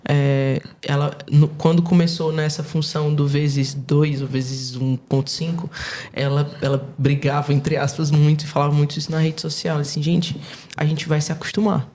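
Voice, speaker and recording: A woman guest on a faith podcast who talks quickly and tells stories with animation, often restarting her sentences. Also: sits low, level tone, dark tone, a little hiss or hum. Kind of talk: casual faith podcast conversation.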